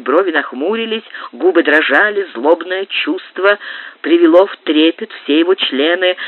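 A woman narrating a literary audiobook in a measured, expressive way. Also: low voice, no echo. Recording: tinny narrow-band dry digitized tape.

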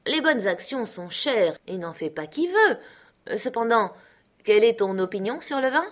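Une lectrice qui prête sa voix à un oncle d'âge mûr, ironique, honnête et prompt à s'emporter. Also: female voice, fairly high pitch, very animated, unhurried, pitched above the performer's own voice. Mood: ironic. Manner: exclaiming, ironic. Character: excitable, principled middle-aged uncle, a man.

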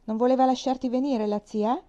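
A woman voicing a gentle, serious male doctor in a storybook reading, speaking kindly and with hesitation. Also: a little high, fairly even intonation, a little fast, highs cut off, voice pushed up, close to an everyday voice. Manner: kind, hesitant.

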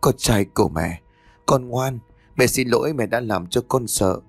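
A man voicing a gentle mother, tender and soft, near his own voice. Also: medium pitch, measured pace, slightly rough, no room sound, soft background music. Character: gentle mother back from death.

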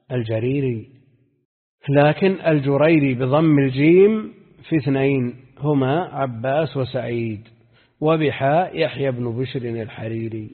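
A husky male sheikh gives a classical teaching lesson, repeating lines of verse and putting questions to his students. His voice comes through thin and phone-like, with a long reverb trailing behind it. He has a middle-pitched, steady tone. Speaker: sheikh teaching hadith terminology.

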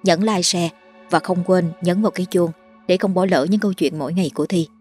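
A woman hosts a late-night ghost story hour and narrates politely and steadily. Her voice sits on the low side. Soft music plays faintly underneath. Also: fairly quick. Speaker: storyteller host. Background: faint background music.

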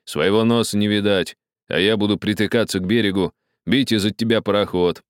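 A man's voice: on the low side, fairly even intonation, fairly quick, clean tone, no room sound, studio quality, lightly acted. A man voicing a curt, exasperated steamboat captain in a read story. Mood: gruff. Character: gruff, harried male steamboat captain.

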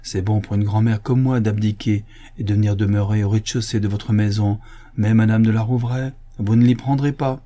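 A man's voice: fairly low pitch, fairly even intonation, a little fast, mellow, lightly acted. A man reading an audiobook, voicing an irritated old grandmother who exclaims with indignation.

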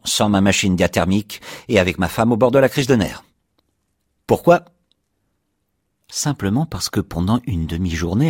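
Excitable defiant confessor, voiced by a man: low, husky, dry, bursts loud. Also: dry recording. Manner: excitable, sarcastic, swings to shouting. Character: agitated man confessing he killed his noisy house.

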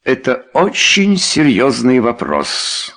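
A man reading an audiobook, voicing a pompous, guilt-ridden gentleman who confesses in a low, lively voice. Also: measured pace, full character voice. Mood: confessing. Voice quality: pompous, then mumbling.

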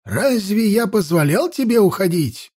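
A man voicing a stern, harsh-voiced old male high priest who lectures sharply, in an audiobook reading. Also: very animated, unhurried, darkish tone, husky, no echo, clean studio sound, exaggerated voice. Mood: sharp rebuke.

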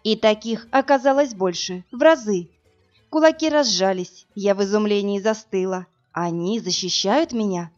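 A woman narrates a first-person story with expressive, lively reading. Her voice sits in a mid range, the recording a little muffled and dull. Faint music plays underneath. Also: medium pitch, normal speed. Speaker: audiobook narrator.

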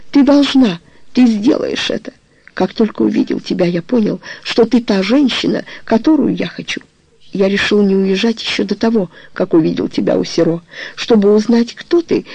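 A man's voice: sits high, lively intonation, normal speed, creaky, a little mellow, breathy edge, no room sound, exaggerated voice, low-quality recording. A reader voicing a passionate young man pleading with his beloved to marry him, in an audiobook. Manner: pleading, tender, insistent. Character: ardent young man proposing marriage, passionate. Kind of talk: audiobook character reading.

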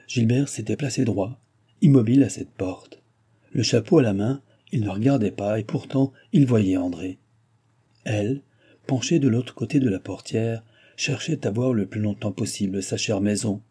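Husky, dark-voiced male narrator. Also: lowish voice, moderate pace. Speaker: audiobook narrator. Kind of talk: reading a classic novel aloud.

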